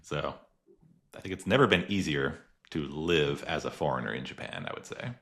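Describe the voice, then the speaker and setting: At a moderate pace, the podcast host talks in a bass voice that is a bit bright. He conducts the conversational interview in a relaxed, chatty manner, laughing frequently and using lots of fillers.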